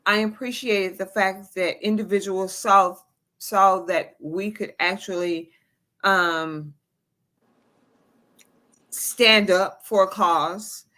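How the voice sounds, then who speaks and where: A woman co-hosting a talk show, speaking in a measured way with formal phrasing. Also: mid-range voice, steady tone, pushed and bright. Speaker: co-host. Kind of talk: casual talk show chat.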